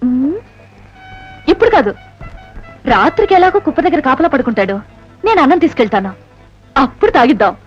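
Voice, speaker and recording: A naive young village girl who chatters fast in a high, bouncing voice. She sounds excitable and rustic. The film soundtrack is dull, with music playing clearly behind her.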